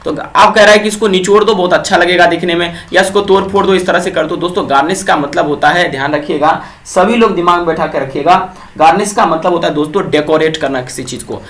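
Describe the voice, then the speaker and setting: A young man with a high-pitched voice teaches English words for an exam. He keeps putting questions to his viewers and answers them himself, tagging each point with a quick check-in. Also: fairly bright tone. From Bihar, India. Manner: repeats quiz questions to viewers, fills with "ठीक है". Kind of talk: exam-prep vocabulary lesson.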